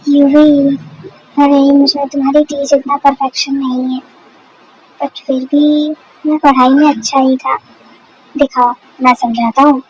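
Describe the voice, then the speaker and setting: A woman voicing a calm, protective young man who talks softly and steadily, in a Hindi dubbed fan story. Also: sits high, measured pace, pauses often, highs cut off. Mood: gentle.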